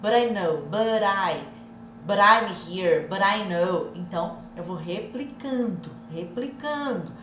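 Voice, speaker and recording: A Brazilian woman teaching a live English lesson, drilling phrases over and over in a lively, repetitive way. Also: mid-range voice, slow pace, echoey room, slight background noise. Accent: Brazilian Portuguese.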